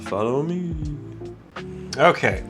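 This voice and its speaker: A man with a medium-pitched, slightly congested voice sounds sleepy, groggy from just waking up and stuffed up from his sinuses. He's a product reviewer and video host who moves slowly and very animatedly through a casual, easygoing review, interrupting himself and wandering into side thoughts. Guitar music plays in the background.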